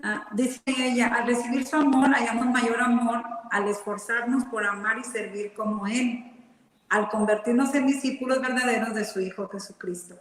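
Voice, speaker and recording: Una mujer que participa en una charla religiosa, lee una cita y reflexiona con seriedad. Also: female voice, on the high side, steady tone, moderate pace, recorded from a distance. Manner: reads a quote, then reflects earnestly. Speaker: panelist. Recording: echoey room with long reverb.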